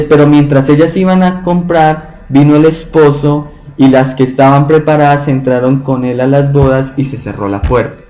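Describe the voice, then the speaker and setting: A man's voice: mid-range voice, mellow. A man teaching a Bible study, often checking in with his listeners through rhetorical questions. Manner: slow, asks the group frequent rhetorical questions. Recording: dull lo-fi recording.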